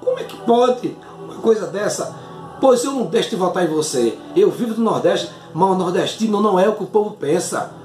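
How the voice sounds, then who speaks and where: An older doctor from Northeast Brazil, speaking with a Northeastern Brazilian accent, makes an impassioned, pleading appeal directly to camera from a small home office, gesturing broadly with both hands. His voice sits high, with lively intonation, a brisk pace and a darkish tone, in a reverberant room with faint music behind.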